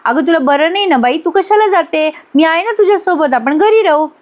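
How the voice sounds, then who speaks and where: A woman plays a fond middle-aged aunt, coaxing and teasing in a high voice. She sounds warmly meddlesome in a retold family drama. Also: expressive, brisk.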